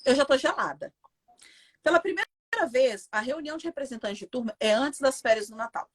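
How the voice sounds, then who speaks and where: A Brazilian woman with a Brazilian Portuguese accent speaks casually as an interview guest, telling her story with emphatic indignation. Her somewhat high voice is slightly rough, with lively intonation and a fairly quick pace.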